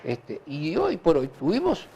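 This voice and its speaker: A man with a Uruguayan Spanish accent answering conversationally in an interview, halting and repeating himself as he recounts anecdotes. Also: on the high side, husky, muffled recording. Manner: animated, halting and repetitive, with frequent filler tags. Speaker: interview guest, hospital director.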